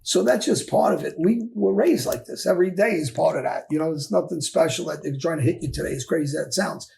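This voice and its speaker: Casting: man, very gravelly voice with a slightly raised pitch, blunt and emphatic storyteller in a sit-down interview. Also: quick pace, darkish tone. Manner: blunt, emphatic, repeats phrases. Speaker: former mob enforcer guest.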